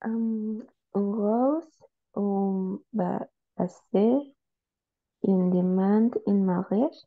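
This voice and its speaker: A woman's voice: mid-range voice, very slow, phone-quality sound. A woman student answering hesitantly in a language class, searching for her words.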